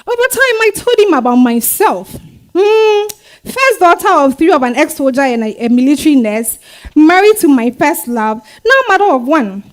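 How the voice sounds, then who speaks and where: A Ghanaian-accented woman gives a dramatized stage reading as a young market-trader wife and mother, warm yet worn out, narrating her story in the first person. She speaks high and conversationally, her lines dotted with hums and exclamations.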